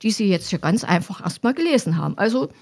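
A woman, a Latin teacher patiently explaining in a relaxed podcast conversation. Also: medium pitch, fast talker, creaky. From Weimarer Land, Germany.

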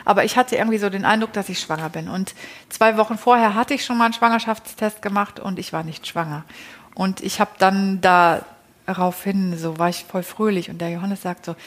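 A woman's voice: medium pitch, brisk. A woman telling her personal story as an interview guest in a casual, chatty way, often restarting sentences and adding tag questions.

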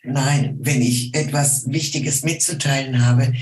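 Middle-aged woman voice coach as a guest, deep-toned, unhurried and measured, pausing often, in a roomy room. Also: steady tone, darkish tone. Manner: slow, deliberate, with many hesitations. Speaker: voice and singing teacher, guest. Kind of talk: casual interview talk.

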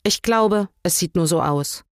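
An older woman voicing a tiny fat old king who shrinks with age, speaking slowly and thoughtfully in a lowered voice. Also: dry recording, studio quality. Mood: musing.

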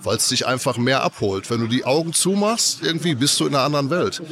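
Fighting a cold, an audio company rep gives a loose, filler-laden explanation of audio tech in a casual trade-fair interview. He talks fast and expressively, with a medium-pitched, fairly bright voice.

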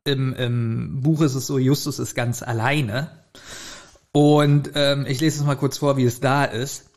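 A man's voice: mid-range voice, steady tone, measured pace. A man co-hosting a podcast, comparing a book with its audio drama in casual, thoughtful talk that breaks into incredulous laughter. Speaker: podcast co-host. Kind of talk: casual episode discussion.

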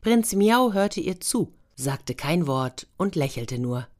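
A woman narrating a fairy tale in a gentle, expressive storytelling manner. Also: lowish voice, slow pace. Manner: gentle, expressive storytelling, brief voices for figures.

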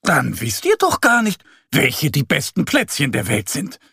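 A man voicing a calm, sensible mother bear in a children's story who speaks patiently and slowly. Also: a little high, gravelly, husky, no room sound, studio quality, heavily acted. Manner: patient, gently questioning.

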